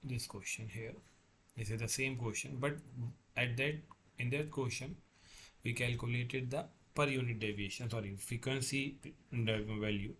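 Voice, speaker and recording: A man lecturing as a tutor, working through a problem step by step in a halting way, repeating and correcting himself. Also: medium pitch, steady tone, fairly bright tone, a little hiss or hum. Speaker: engineering tutor.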